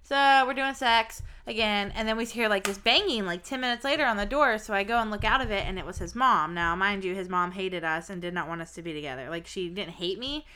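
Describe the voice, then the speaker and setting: Blunt bright-voiced young woman. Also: mid-range voice, brisk, hardly any pauses, clear, resonant tone. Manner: blunt, swearing, animated storyteller. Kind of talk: casual candid chat.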